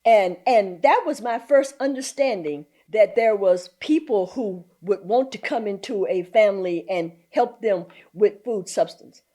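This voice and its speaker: An older woman from southern Virginia, an activist guest in an interview, telling animated stories and dropping into folksy Southern talk. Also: mid-range voice, a little slow, few pauses. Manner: animated storyteller who slips into folksy Southern talk and laughs often. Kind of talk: storytelling in a conversational interview.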